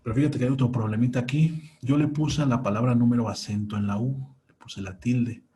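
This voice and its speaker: Patient man with a mellow voice teaching code. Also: medium pitch, fairly even intonation, fairly quick. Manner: patient, walks through each step aloud. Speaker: programming teacher. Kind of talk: screen-recorded coding tutorial.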